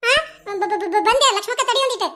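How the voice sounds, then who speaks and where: A stingy, teasing village auntie from a cartoon comedy, voiced by a woman, speaks with a North Karnataka Kannada accent. Her voice sits extremely high, and the tone is bright and sharp. She banters and laughs, and her speech stumbles into stammers when she gets cornered. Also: brisk. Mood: mocking.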